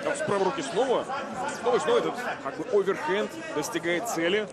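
Fast high-voiced male fight commentator, loud crowd. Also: expressive. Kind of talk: live sports commentary. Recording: loud crowd and music behind. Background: noisy arena crowd and music.

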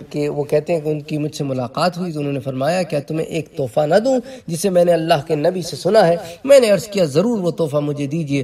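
A man's voice: fairly high pitch, darkish tone, recorded from a distance. A man who teaches religion, giving a lecture on prayer and explaining traditions step by step with asides to his listeners.

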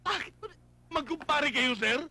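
A man playing an eager, bumbling male police officer in a slapstick comedy, loud and excitable. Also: extremely high pitch, unhurried, dry recording, exaggerated voice.

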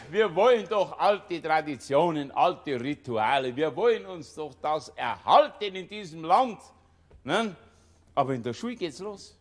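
An older man with a Bavarian accent doing a satirical stage monologue, rambling and breaking himself off, tagging nearly every line with a little question. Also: fairly high pitch. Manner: rambling, self-interrupting, tags lines with "ne?" and "gell?". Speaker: cabaret performer. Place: live stage before an audience.

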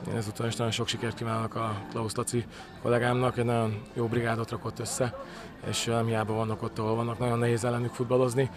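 A man in his thirties, a head coach, giving a measured post-match interview outdoors. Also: medium pitch, level tone. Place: outdoors by athletics track. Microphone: handheld interview microphone. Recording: outdoor interview, crowd noise behind.

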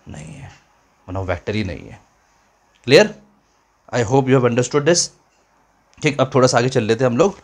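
A man teaching a basic physics lesson in a casual, chatty way, repeating points often and mixing English phrases into Hindi. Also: medium pitch. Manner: chatty, repeats himself, mixes English phrases, calls viewers children.

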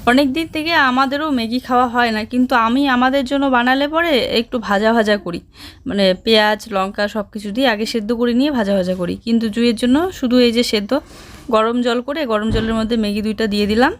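A young woman narrating a casual home vlog, speaking softly and chatting as she explains her chores. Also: fairly high pitch, brisk. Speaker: village vlogger and mother.

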